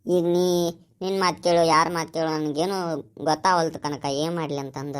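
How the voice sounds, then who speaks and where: A woman voicing a young village man working abroad, gentle and pleading, with a North Karnataka Kannada accent. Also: low voice, steady tone, moderate pace, clean tone, natural voice. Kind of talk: cartoon voice acting.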